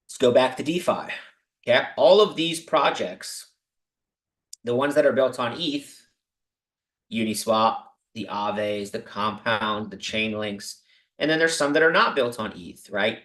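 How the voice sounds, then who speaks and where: A man hosting a livestream, talking casually and excitably to his viewers with lots of asides. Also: medium pitch, reverberant, rough recording. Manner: excitable, talks to viewers directly with many asides. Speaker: crypto livestream host. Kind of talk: casual livestream talk about investing.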